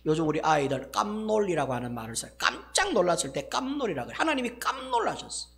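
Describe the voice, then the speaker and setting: Gyeongsang pastor guy preaching, kinda high voice, acts stuff out loud then goes quiet. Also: fast talker, vocal fry. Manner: animated, acts out exclamations, swings from loud to hushed. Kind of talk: sermon.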